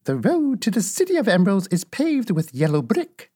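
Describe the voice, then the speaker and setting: A woman voicing a kindly, solemn little old witch in a storybook reading, giving slow, gentle, earnest counsel. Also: medium pitch, huge pitch swings, slightly rough, voice pushed up. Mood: reassuring. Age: older.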